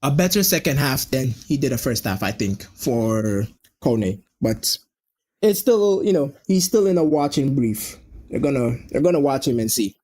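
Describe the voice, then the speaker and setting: A man hosting a live football watch-along, chatting casually to viewers and getting excited when a chance comes. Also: normal speed. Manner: chatty, jumping up in pitch at chances on goal. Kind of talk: casual live match commentary to a chat.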